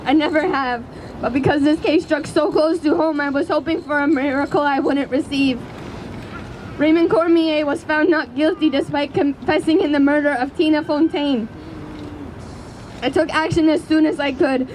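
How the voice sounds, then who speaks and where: A woman giving a prepared speech as an activist at a rally, speaking in an earnest, impassioned, deliberate way. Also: high voice, steady tone, a little mellow, low-quality recording. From Canada. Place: outdoors in a city square. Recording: outdoor public square with city traffic noise.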